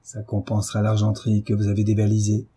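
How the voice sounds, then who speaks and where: A hulking drunken husband, all bluster and threats, voiced by a man reading a novel. He barks his lines in a raised, rough voice over the reader's dark, husky timbre. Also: on the low side, monotone, fast. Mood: bullying. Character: brutish drunken giant of a husband, furious.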